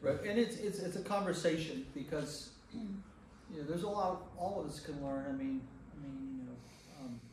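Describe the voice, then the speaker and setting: An American pastor leads an informal Bible study, teaching and discussing conversationally and repeating phrases for emphasis. His voice is on the high side with a darkish tone at a normal speed, recorded on a distant mic in an echoey indoor meeting room with faint noise.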